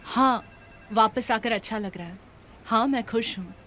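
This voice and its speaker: A woman's voice: a little high, measured pace, pushed and bright, a little hiss or hum. A woman voicing a polite, composed young office worker in a dubbed TV drama.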